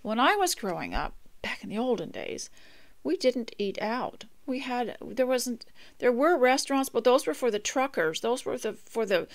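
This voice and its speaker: An older woman hosting a homemaking radio talk, speaking in a gentle, rambling way with frequent restarts and asides, and sometimes reading a poem aloud. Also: on the high side, big pitch swings, normal speed.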